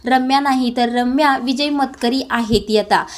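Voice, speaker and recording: Threatening young husband, as a woman narrator reads him, warning tone, high voice. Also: unhurried.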